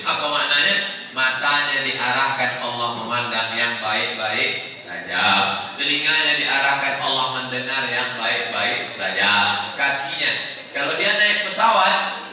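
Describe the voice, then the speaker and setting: A man's voice: on the high side, bright, forceful tone. A man preaching to a crowd, reading out questions and answering them with jokes and quoted scripture. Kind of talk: humorous sermon Q&A. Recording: echoey hall with faint noise.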